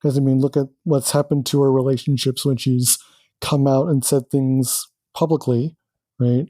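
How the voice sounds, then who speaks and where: A man's voice: medium pitch, little pitch movement, normal speed, warm tone, no room sound. A man co-hosting a podcast, chatting in an opinionated, wry way. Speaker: podcast co-host. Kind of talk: casual podcast chat.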